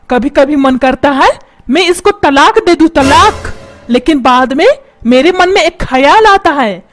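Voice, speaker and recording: A woman voicing a short-tempered middle-aged cartoon father who yells and scolds his family. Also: high voice, a little hiss or hum. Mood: complaining. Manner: yelling, scolding, self-pitying. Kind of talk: cartoon voice acting. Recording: music playing underneath.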